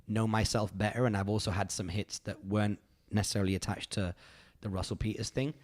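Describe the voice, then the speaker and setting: With a lowish voice, fairly even intonation, and a slightly fast pace, this UK podcast host looks back on his year. His casual, reflective chat is rambling and earnest, packed with fillers.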